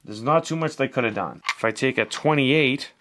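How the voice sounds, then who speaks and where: A man's voice: medium pitch, moderate pace, bright, forceful tone, slight background noise. A man giving a casual, chatty product review as he unboxes and shows a device, swearing now and then.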